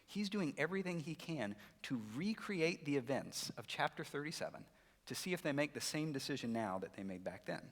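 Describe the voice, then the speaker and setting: Animated male preacher in a reverberant hall. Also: on the high side, fairly quick. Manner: animated storytelling, acts out voices. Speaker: pastor. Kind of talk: sermon. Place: church sanctuary.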